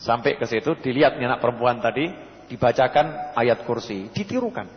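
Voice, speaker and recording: A man's voice: medium pitch, fairly even intonation, a little fast. A man with a Javanese accent giving a folksy sermon, telling stories and acting out the dialogue. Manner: folksy, mixes in Javascript-free Javanese words, acts out dialogue. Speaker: Islamic preacher. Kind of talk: sermon with storytelling. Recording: muffled hall recording.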